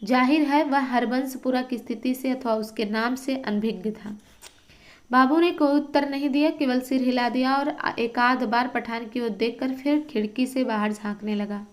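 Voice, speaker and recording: A woman's voice: high-pitched, steady tone, normal speed. A woman teaching Hindi literature who reads a story aloud and stops to explain it for exam students. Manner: reads a passage, then stops to quiz and explain.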